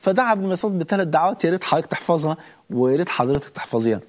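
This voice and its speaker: A man preaching in an Egyptian Arabic accent, his voice pitched fairly high. He talks fast and with emphasis, often putting rhetorical questions to his listeners. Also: animated. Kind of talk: sermon.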